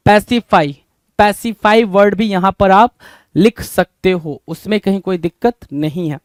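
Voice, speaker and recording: High-voiced Indian man teaching vocabulary. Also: clean tone, dry recording. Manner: keeps asking the class rhetorical questions, calls them "bhai". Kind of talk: exam-prep vocabulary lesson.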